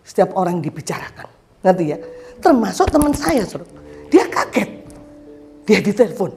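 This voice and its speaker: A woman's voice: mid-range voice, big pitch swings, moderate pace, darkish tone, faint music behind. A woman preacher giving an emphatic church sermon, often asking the congregation to agree with her. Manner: acts out quoted people in changed voices. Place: church service.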